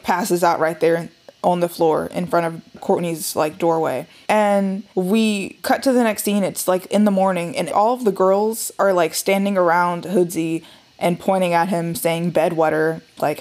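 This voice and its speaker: A woman's voice: mid-range voice, darkish tone. Chatty woman with lots of fillers. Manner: chatty, full of "like" fillers and asides. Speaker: podcast host recapping a cartoon episode. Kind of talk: casual chat.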